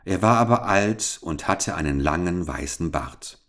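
A man reading a fairy tale aloud for children in a calm, measured storytelling manner. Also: low voice.

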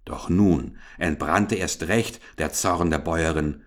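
A man reading a children's fairy tale aloud in a calm, old-fashioned storytelling manner. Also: rumbling low, slow pace. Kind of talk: scripted fairy tale narration.

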